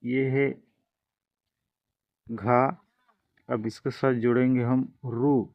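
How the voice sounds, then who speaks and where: A man's voice: medium pitch, little pitch movement, extremely slow, dry recording, highs cut off. A man teaching a language lesson, explaining each step patiently and drawing out the example sounds.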